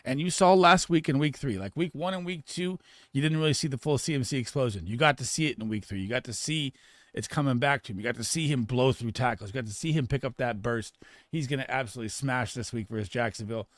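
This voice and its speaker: A man giving casual fantasy football start and sit analysis in an emphatic, rapid way, often restarting his sentences. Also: mid-range voice, dry recording, clean studio sound.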